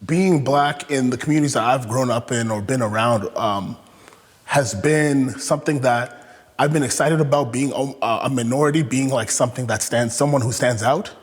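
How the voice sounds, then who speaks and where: Here a young man from Canada, guesting in an interview, talks at a moderate pace with a husky, mid-range voice. His delivery is thoughtful but halting, full of fillers and false starts, and the recording carries heavy echo from a reverberant room.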